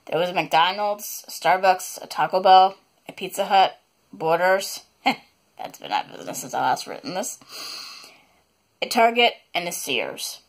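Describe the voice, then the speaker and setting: A woman's voice: fairly low pitch, animated, normal speed, pauses often. A woman reading a chapter of her own novel aloud, unedited, stopping now and then to apologize for slips and add asides.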